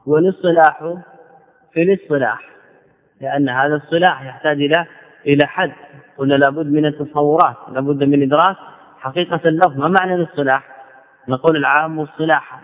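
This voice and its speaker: A man's voice: fairly high pitch, steady tone, fast, long pauses. A man teaching Arabic grammar in a lecture, repeating key phrases and asking himself questions before answering them. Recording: tinny lo-fi lecture recording in a reverberant hall.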